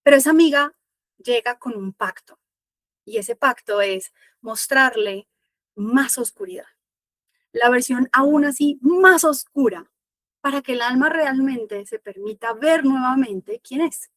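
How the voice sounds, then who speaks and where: A woman's voice: sits high, a bit bright, dry recording. Reflective woman spiritual teacher. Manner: slow, reflective, repeats phrases. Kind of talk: storytelling in a spiritual masterclass.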